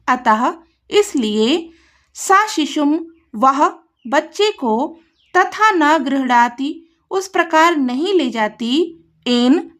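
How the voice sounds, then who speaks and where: A woman tutor explaining a textbook lesson line by line, reading each word and then glossing it. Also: high voice.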